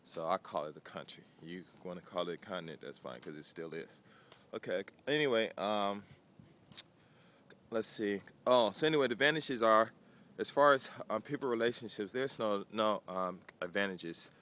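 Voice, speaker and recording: A man's voice: lowish voice, moderate pace, fairly bright tone. A man, vlogging in a casual, rambling way with many fillers. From United States. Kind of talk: casual talk to camera.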